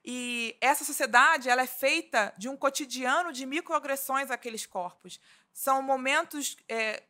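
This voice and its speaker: A woman's voice: high voice, sharp tone. A woman from Rio de Janeiro, a labor judge, giving an earnest seminar talk and often restarting her sentences. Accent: Rio de Janeiro Portuguese. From Rio de Janeiro, Brazil. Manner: earnest, with frequent restarts and fillers. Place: conference hall.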